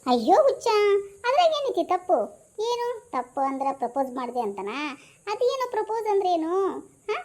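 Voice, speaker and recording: A woman's voice: very high voice, very animated, moderate pace, long pauses, a little mellow. A woman playing a fussy, kind-hearted grandmother aunty in a comic skit, fond and scolding.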